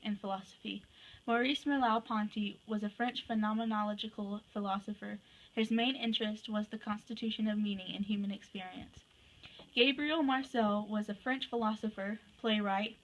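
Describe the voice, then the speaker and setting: A teenage girl presenting a school project, reading names slowly and then chatting casually from her bathroom. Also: fairly high pitch, a bit bright, rough recording. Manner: reads lists slowly, then chatty and giggly. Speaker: student presenter.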